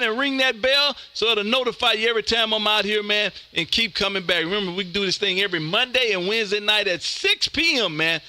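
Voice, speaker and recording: In a recording with no room sound, a high-pitched man with a pushed, bright voice runs animated ham radio calls from his home radio room. A live streamer and amateur radio host, he is boisterous and folksy, joking with his contacts.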